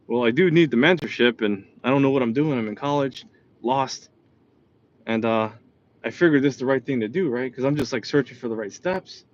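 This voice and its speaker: A man from New York with a New York accent, giving a motivational talk full of personal stories and often asking "right?". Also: a little high. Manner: animated, repeats "right?". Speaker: motivational speaker. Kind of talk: motivational storytelling. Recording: dull lo-fi sound.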